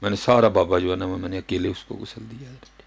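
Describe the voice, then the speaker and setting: A man in his thirties with a Punjabi accent, preaching a sermon with fervent rhetorical questions, sudden leaps in pitch and frequent address to his listeners. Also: creaky. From Pakistan. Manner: keeps addressing listeners as "hazrat ji". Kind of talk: Urdu sermon.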